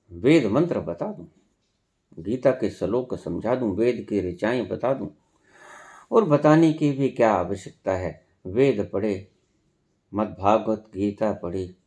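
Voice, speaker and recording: A spiritual teacher preaches a sermon at an unhurried pace in a warm voice. His pitch ranges widely, rising on emphatic phrases and settling back down when he explains.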